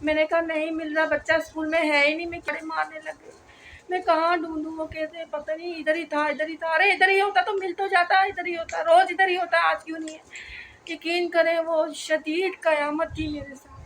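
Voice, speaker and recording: पाकिस्तानी उर्दू लहजे वाली एक महिला, जो वीडियो में अपने बच्चे के स्कूल से गुम होने की घटना भावुक होकर सुनाती है, बातें दोहराती है और संवाद उद्धृत करती है; पीछे हल्का शोर है।. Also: female voice, extremely high pitch, little pitch movement, fairly quick, fairly bright tone, a little hiss or hum. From Pakistan. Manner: retells events with quoted dialogue, repeats phrases. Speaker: vlogger mother. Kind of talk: emotional storytelling vlog.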